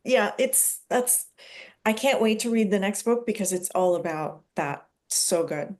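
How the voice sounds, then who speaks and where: A woman's voice: medium pitch, expressive, unhurried. Woman leading a book club chat. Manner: explains with acted examples from her marriage. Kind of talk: casual group discussion.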